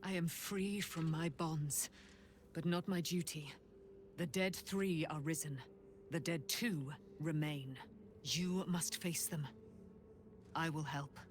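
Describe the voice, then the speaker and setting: Slow, grand, declaiming warrior woman. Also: low voice, steady tone, a little hiss or hum. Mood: solemn. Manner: grand, declamatory, archaic phrasing. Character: exalted female warrior, grand, devout and vengeful. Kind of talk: video game dialogue, theatrical declamation. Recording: music behind the voice.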